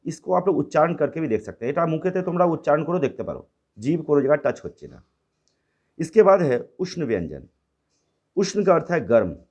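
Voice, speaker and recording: Man teaching a grammar lesson, lively pitch. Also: muffled recording. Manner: explains by repeating, switching to English and Bengali words.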